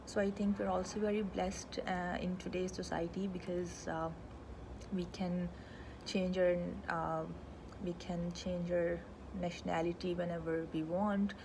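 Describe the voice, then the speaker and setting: A woman's voice: on the low side, flat delivery, unhurried, background noise. A woman, born in Pakistan and raised in Canada, explaining human rights in an informal talk, going through them one at a time. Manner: conversational, walks through items one by one.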